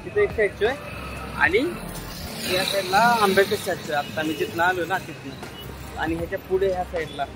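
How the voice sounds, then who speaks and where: A man's voice: high voice, a little fast, pauses often, rough recording. A man talking casually in a vlog, rambling as he explains directions, recorded on a phone outdoors in a city. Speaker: vlogger. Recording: music playing behind.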